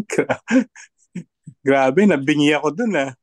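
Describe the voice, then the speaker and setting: Brief: high-pitched male panelist, dry close sound, scornful and chuckling. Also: dry recording. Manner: mocking, laughs often between jabs. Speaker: panelist commenting on a debate. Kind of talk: online discussion commentary.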